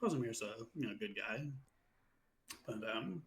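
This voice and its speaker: A man's voice: medium pitch, lively intonation, normal speed, creaky, fairly bright tone, slight background noise, low-quality recording. Casually laughing man at the game table. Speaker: player. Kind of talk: in-character tabletop play.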